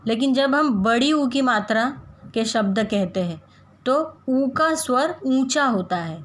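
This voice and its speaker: A woman teaching young children a Hindi lesson, saying example words slowly and deliberately so they can repeat after her. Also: fairly high pitch, expressive. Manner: slow, carefully drawn-out pronunciation of example words. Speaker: primary school Hindi teacher.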